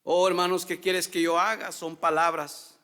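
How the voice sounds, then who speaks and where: Male pastor, very high and bright voice, preaching in a reverberant church, loud then hushed. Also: flat delivery, normal speed. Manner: preaching, repeats "hermanos" often, swings between loud and hushed. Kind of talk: sermon. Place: church hall. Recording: long church hall reverb.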